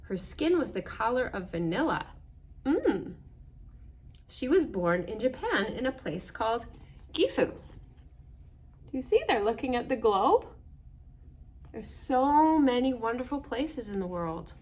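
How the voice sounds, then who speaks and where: With a high-leaning, breathy-edged voice, a woman hosts story time for children, reading aloud, explaining gently in plain words, and often posing questions to them. She's very animated yet unhurried, pausing often.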